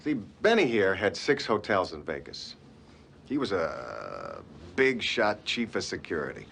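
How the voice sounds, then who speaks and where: A man's voice: sits low, wildly swooping pitch, unhurried, vocal fry, a bit bright, a little hiss or hum, exaggerated voice. An actor playing a reformed cat burglar, a middle-aged man on parole who talks wryly and begs for help. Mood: mocking. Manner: wry, chuckling, then pleading. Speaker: ex-convict on parole.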